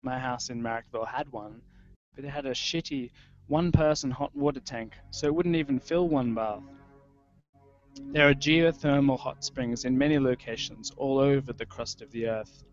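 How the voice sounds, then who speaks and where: Medium in pitch and at a normal pace, a young Australian man, a writer or performer at a festival, reads literary personal prose into a handheld mic held close. It's streamed live online from an indoor room, and the dull lo-fi webcast has music playing prominently in the background.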